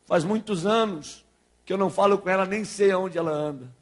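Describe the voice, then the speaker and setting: Pastor guy with a high voice, tells a story in his sermon, acts out the talking, gets loud and fired up. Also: fairly quick. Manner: tells a story acting out dialogue, building to loud preaching. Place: church sanctuary.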